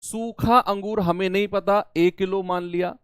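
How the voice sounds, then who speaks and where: High-voiced teacher walking students through steps. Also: male voice, fairly even intonation, a little slow, smooth, no echo, studio quality. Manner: talks students through each step, asks and answers own questions. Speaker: maths teacher. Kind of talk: exam-prep maths lesson.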